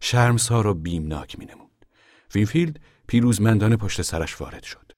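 A man reading a novel aloud in a calm, measured storytelling voice. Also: fairly low pitch, no room sound, studio quality. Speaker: narrator. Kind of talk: audiobook reading.

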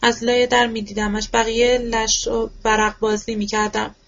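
A woman reads a novel aloud in a fairly high, narrow-ranged voice, bringing emotion to the quoted speech. The recording sounds dull and lo-fi. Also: flat delivery, creaky, a bit bright. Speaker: audiobook reader.

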